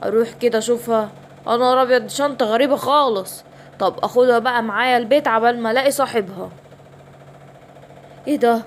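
Brief: woman doing a worried dad lion, Egyptian, storybook, high-set voice. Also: fast, pauses often, a little hiss or hum, lightly acted. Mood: complaining. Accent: Egyptian Arabic. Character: father lion, weary and kind. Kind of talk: children's bedtime story voicing.

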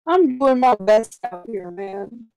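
A woman's voice: fairly high pitch, animated, darkish tone, dry recording, soft background music. A woman on a bad internet call whose voice breaks up and stutters into clipped fragments as she chats casually while playing a game. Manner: halting, clipped fragments cut by dropouts. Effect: choppy internet call audio that breaks up and stutters. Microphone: online voice call.

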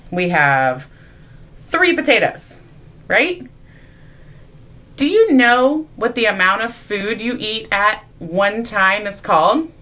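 A woman's voice: on the high side, pushed and bright. A woman giving a playful children's object lesson in church, teasing and asking her young audience questions. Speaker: children's sermon leader. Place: church sanctuary.

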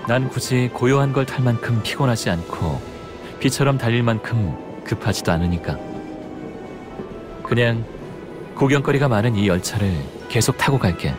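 An actor playing a calm, aloof young male space traveler with a cool, deadpan delivery in a game story. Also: mid-range voice, normal speed, lightly acted. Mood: calm, reflective. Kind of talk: scripted game story dialogue. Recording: music behind the voice.

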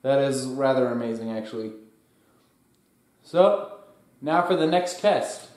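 A young man with a medium-pitched, expressive voice, a bit slow and a bit mellow, casually talks his way through garage workshop tests, thinking aloud in a plain way. A distant camera across the room picks him up. The room is echoey.

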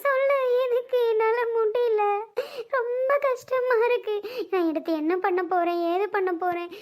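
Woman doing a very high-voiced weepy young wife, pleading and resigned. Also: flat delivery, fairly quick, a little mellow. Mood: despairing. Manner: weepy, pleading, self-pitying.

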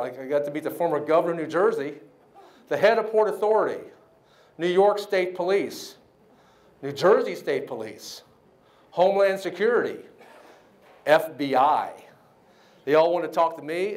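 A middle-aged man from the United States giving a keynote speech at a banquet. He tells a story with lively quoted voices and keeps checking in with the crowd. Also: fairly high pitch. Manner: animated storyteller, acts out quotes, asks the crowd "right?". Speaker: keynote speaker.

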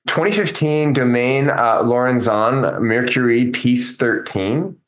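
Brisk, laughing man on a video call. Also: medium pitch, low-quality recording. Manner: reads out figures briskly, laughs easily. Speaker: podcast co-host reviewing auction results. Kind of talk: casual chat.

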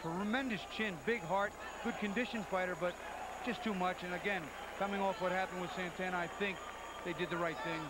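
Fast-talking male boxing analyst. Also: high voice, fairly even intonation. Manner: explanatory, plain-spoken. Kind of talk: conversational sports commentary. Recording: noisy old TV sports broadcast. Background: loud arena ambience.

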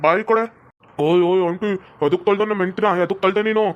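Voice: medium pitch, steady tone, quick pace, lightly acted. A performer voicing a blunt young village man who protects the cross-dressing husband, on a lo-fi recording. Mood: gruff.

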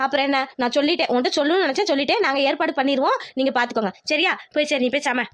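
A woman voicing a bossy, scheming village mother-in-law in a cartoon, talking quickly and insistently. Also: high-pitched, a bit bright. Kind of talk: cartoon voice acting.

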